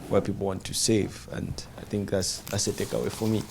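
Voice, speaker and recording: Deep gravelly man, halting speech. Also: little pitch movement, background noise. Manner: halting, many fillers. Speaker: visiting fellow. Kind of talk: studio panel reflection.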